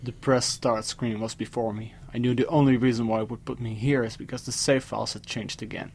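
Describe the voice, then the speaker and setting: A man reading a scripted first-person horror story, dramatically, with pauses for suspense. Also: medium pitch, little pitch movement, gravelly, slight background noise. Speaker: creepypasta narrator. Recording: music behind the voice. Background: music.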